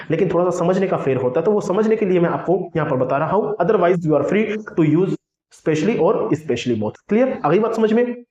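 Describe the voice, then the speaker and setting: A man's voice: on the high side, warm tone. A man with a Hindi accent teaching an English lesson, who asks questions and answers them himself. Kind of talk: classroom lesson. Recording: echoey, dull lo-fi room sound.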